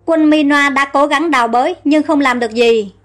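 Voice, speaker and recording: A woman voicing a loyal, cautious male servant who reports respectfully and urges calm, in a read-aloud story. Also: sits high, moderate pace, faint music behind. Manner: respectful, calming.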